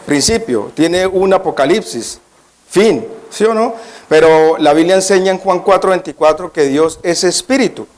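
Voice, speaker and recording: This time the Colombian guest preacher sounds high-pitched and darkish in tone, speaking at normal speed. His sermon moves from nervousness to emphasis, and he frequently puts questions to the people in the pews.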